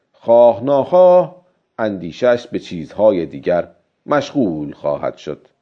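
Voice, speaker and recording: A man with a gravelly voice narrating a novel in a measured, steady reading, on a dull lo-fi recording. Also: lowish voice. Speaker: audiobook narrator. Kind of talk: scripted narration.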